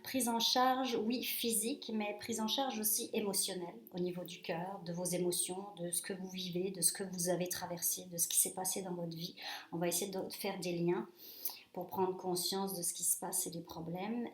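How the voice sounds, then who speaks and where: A woman in her forties from France, introducing her reflexology practice in a relaxed, hesitant way with many fillers. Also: medium pitch, normal speed. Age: 40s. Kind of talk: casual self-introduction to camera. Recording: echoey room.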